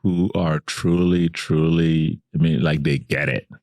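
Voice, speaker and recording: A man's voice: rumbling low, steady tone, measured pace, a little mellow, no echo. A middle-aged man, a podcast guest, telling a story in an earnest, emphatic way and repeating words for stress. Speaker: guest, civil rights organization president. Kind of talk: conversational storytelling.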